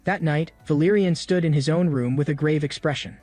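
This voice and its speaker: Man narrating a story recap over soft music. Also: on the high side, brisk, dry recording.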